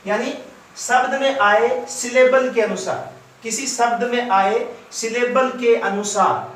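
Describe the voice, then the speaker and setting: A man with an Indian accent explaining English grammar in a slow, repeating classroom lecture style. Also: sits high, a little hiss or hum. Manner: explains slowly, mixing English terms into Hindi, repeating phrases. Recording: echoey room, from far off.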